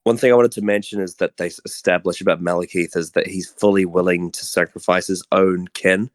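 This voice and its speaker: A man's voice: low voice, fairly even intonation, fairly quick, no echo. A man co-hosting a casual podcast, chatting about a comic in an amused way. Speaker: podcast co-host. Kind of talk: casual chat.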